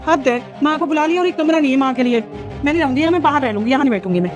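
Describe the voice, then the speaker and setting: A woman's voice: sits high, expressive, racing, dull audio, music in the background. A woman playing a fussy, easily offended mother-in-law in a family drama, complaining and indignant. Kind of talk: Hindi family drama acting.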